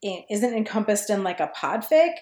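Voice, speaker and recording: With a darkish, medium-pitched voice at normal speed, this woman sounds very animated as she chats on a podcast about writing fan fiction. She is reflective yet hesitant, searching for phrasing and peppering her speech with "like". The sound is roomy and echoey.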